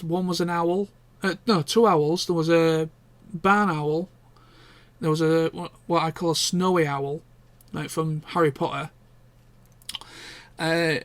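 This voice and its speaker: A man vlogs in a rambling, easygoing chat, often stopping to correct himself and dropping the occasional swear word. His voice sits a bit higher than most men's. The sound is dry and close, with no room echo. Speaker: vlogger. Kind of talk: casual chat.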